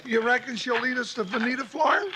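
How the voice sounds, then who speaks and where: Jingles, a squeaky bumbling sidekick. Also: male voice, fast talker. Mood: excited. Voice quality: high, squeaky, raspy twang. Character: bumbling good-natured older male sidekick, jittery. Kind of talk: 1950s radio western acting. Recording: noisy old radio recording.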